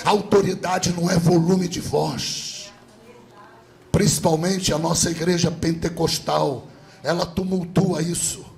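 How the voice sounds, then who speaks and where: A male Brazilian Pentecostal pastor preaching, who swings from loud sing-song shouting to low, intimate teaching. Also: flat delivery, unhurried, vocal fry. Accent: Brazilian Portuguese. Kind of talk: Pentecostal sermon. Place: rooftop church service.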